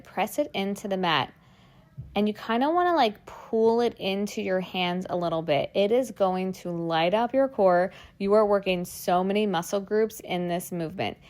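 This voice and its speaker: A young woman leading a workout class, encouraging and cueing the moves while she exercises along, strained from the effort. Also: medium pitch. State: strained, working out while talking. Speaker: fitness instructor.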